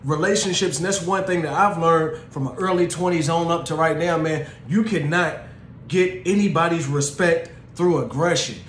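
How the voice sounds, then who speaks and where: A man's voice: a little high, moderate pace. A young man with a slightly raised voice speaks earnestly and casually, filling his talk with "man" and "you know". The room has a noticeable echo, and a faint hum of ambience sits underneath. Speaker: podcast host. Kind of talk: casual monologue on relationships.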